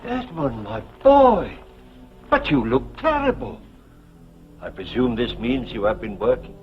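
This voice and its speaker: An actor playing a genial, worldly, fussing middle-aged uncle in a theatrical 1950s television drama style, with formal old-world phrasing. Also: male voice, mid-range voice, big pitch swings, measured pace, lo-fi sound, music in the background. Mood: fond, probing.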